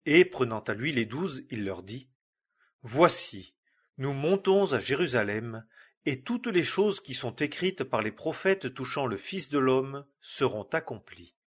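A man giving a measured scripted reading of scripture, lifting his voice for the cries. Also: mid-range voice, big pitch swings, husky. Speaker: Bible reader.

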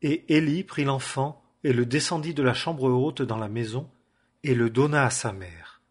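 A man reading a Bible passage aloud in a measured, solemn way, raising his voice in the quoted speeches. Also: medium pitch, husky. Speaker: Bible reader. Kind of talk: scripture reading.

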